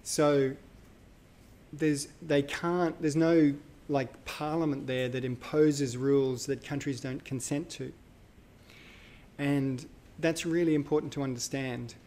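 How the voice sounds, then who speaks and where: Lecturer, male, slightly high voice, chatty and self-correcting. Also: steady tone, slow pace, mellow. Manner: conversational, thinks aloud with fillers and self-corrections. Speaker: university lecturer. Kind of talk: live university lecture.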